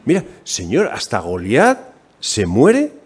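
A man preaching a sermon in a Spanish accent from Spain, conversational and animated, asking the congregation questions. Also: mid-range voice, takes it slowly, breathy edge.

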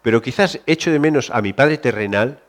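A man from delivers a sermon in a conversational way, never quite reading a script. He stumbles and restarts often. His voice sits at an average pitch, drops to near-whispers on tender points, and climbs when he presses a question. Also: fairly quick. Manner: conversational, many restarts, shifts between soft and raised. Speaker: preacher.

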